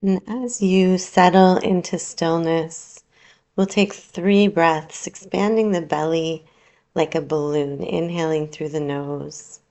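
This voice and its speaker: A woman leads a yoga nidra session, talking listeners through a relaxation meditation in a low voice with a steady tone. Her delivery is soothing and unhurried, gently instructive, and punctuated by long pauses.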